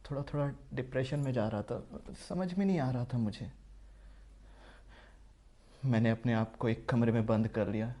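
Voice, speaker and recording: A man performing an audition monologue as an obsessed young man who kills his family, in an intense, brooding delivery that slowly turns unhinged. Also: medium pitch, warm tone, close to an everyday voice. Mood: obsessive. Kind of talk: dramatic monologue.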